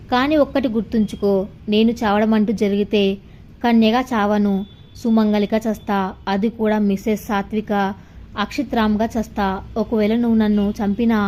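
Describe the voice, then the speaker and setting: A woman's voice: mid-range voice, mellow, close to an everyday voice. A woman voicing a young female medical student who stands up to a bully, defiant and earnest.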